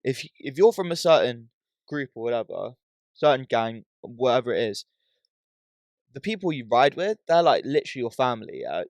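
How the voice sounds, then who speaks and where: A man's voice: mid-range voice, big pitch swings, normal speed, no echo. British man in slangy, dry-sounding podcast chat. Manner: slangy, says "bro" and "yeah" as tags. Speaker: podcast host.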